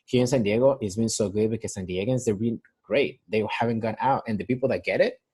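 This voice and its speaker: A man's voice: on the low side, fast, a little mellow, husky. A young man from Mexico with a Mexican Spanish accent, working as a nurse and talking casually on a phone call in a rambling way, full of restarts. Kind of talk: casual interview over a call. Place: San Diego.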